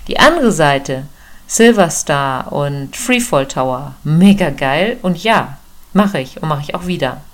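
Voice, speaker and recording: Low-voiced woman coaching her listener. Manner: personal, direct, addresses listener as du. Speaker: self-help podcaster. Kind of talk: casual coaching monologue. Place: room indoors with a door.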